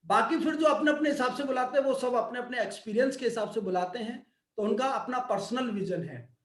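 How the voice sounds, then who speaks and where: A man's voice: extremely high pitch, brisk, roomy sound. A man who is a yoga and wellness expert answering questions in an online Q&A, explaining patiently like a teacher and checking that listeners follow.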